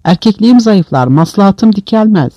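A man's voice: sits high, animated, moderate pace, dark tone, no room sound, highs cut off, pitched above the performer's own voice. A man doing an earnest young inmate. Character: young male leftist inmate, earnest, complaining.

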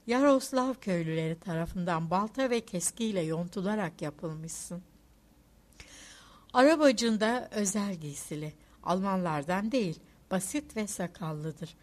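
A woman narrating a literary novel as an audiobook, reading expressively. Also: medium pitch. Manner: expressive, rising and falling with the story.

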